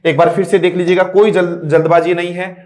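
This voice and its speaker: A man's voice: sits high, little pitch movement, darkish tone, reverberant. A male teacher giving a patient classroom lecture, often checking that students follow and stretching out example words. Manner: repeats "dosto", asks "are you getting me"; patient, drawn-out word-by-word explanations. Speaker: English teacher.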